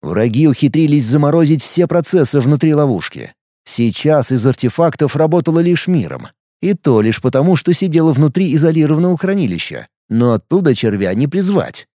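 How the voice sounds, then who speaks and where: A man narrating a fantasy novel as an audiobook, reading in a lively way with acted dialogue. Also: a little high, fairly quick, no room sound, clean studio sound.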